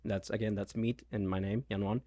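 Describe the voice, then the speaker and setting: Thirties Venezuelan realtor, low and hesitant, dry recording. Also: male voice, fairly even intonation, fairly quick, warm tone, dry recording. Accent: Venezuelan Spanish. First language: Spanish. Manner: hesitant, many ums and restarts. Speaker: realtor, guest. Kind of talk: casual interview.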